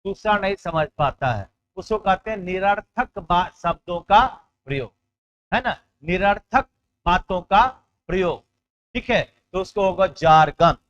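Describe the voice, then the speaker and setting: A man with a high-set voice runs an exam-prep vocabulary lesson. He explains in Hindi and slows down to read out English words and definitions. He keeps checking in with his students, and the recording sounds slightly dull and lo-fi. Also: expressive, fairly bright tone.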